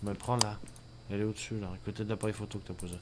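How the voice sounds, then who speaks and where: Un streamer qui joue à un jeu d'horreur en coopération, en discutant et en répétant ses questions au fantôme. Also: male voice, fairly low pitch, level tone, racing. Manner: repeats questions to the ghost, joking. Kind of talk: casual gaming chat. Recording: noisy game stream.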